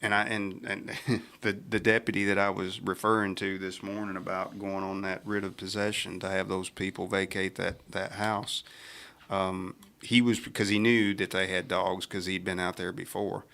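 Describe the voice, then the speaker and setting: A man's voice: low-pitched, little pitch movement, normal speed, vocal fry, pushed and bright. A middle-aged man, a sheriff on a radio talk show, telling rambling stories with many restarts. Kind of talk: casual radio chat, storytelling.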